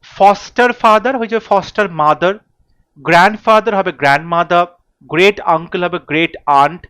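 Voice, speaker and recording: A man teaches English grammar in a fairly high voice. He runs through pairs of words like a classroom drill and keeps checking that his students follow. His voice sounds dry and close, with no room around it. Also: fairly quick, clear, resonant tone, no echo. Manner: lists word pairs in a steady drill, checking in with "ঠিক আছে?".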